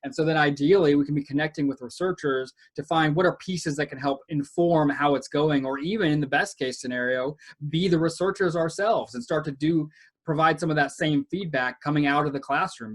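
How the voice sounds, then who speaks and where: A man speaking as an education researcher on a panel, earnest and measured, with frequent fillers. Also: a little high. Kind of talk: casual panel discussion.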